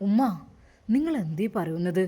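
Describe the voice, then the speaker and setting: A woman doing a gentle young Malappuram husband. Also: lowish voice, big pitch swings, moderate pace, voice pushed down. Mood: soothing. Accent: Malappuram Malayalam. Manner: soft, soothing and pleading. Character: gentle loving young husband, patient and soft-spoken. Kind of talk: amateur story drama reading.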